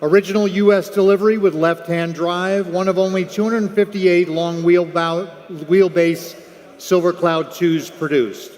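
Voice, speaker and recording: A male announcer presents lots at an auction. His voice sits high for a man as he reads out descriptive details. It carries with long reverb through a big room. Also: fairly even intonation, a little slow, darkish tone. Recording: echoey hall through PA.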